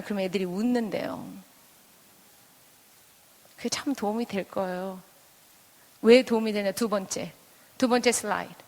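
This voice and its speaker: A woman, a pastor's wife, preaching at a church service in a candid, lively way, acting out people's thoughts as she goes. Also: fairly high pitch, big-room sound. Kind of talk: sermon at a Friday service. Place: large church sanctuary.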